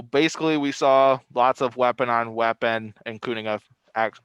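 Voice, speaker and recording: A man's voice: on the low side, fairly bright tone, clear, resonant tone, no echo. A man speaking through a face mask as he hosts a casual video recap, rambling a little and repeating phrases. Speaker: host.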